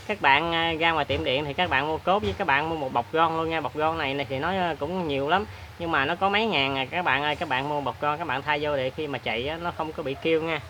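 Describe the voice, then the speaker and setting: Man, chatty repair tutorial, lots of filler pauses, bright tone. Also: on the high side, slight background noise. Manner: chatty, plain-spoken, many filler pauses. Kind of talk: hands-on repair demonstration.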